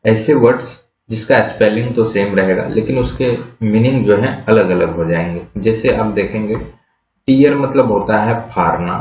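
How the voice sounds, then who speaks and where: A man gives a slow, patient vocabulary lesson in a fairly low voice, spelling out words letter by letter and quizzing his class with questions he answers himself. The sound is muffled and lo-fi, with an echoey room around him. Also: darkish tone. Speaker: English vocabulary teacher.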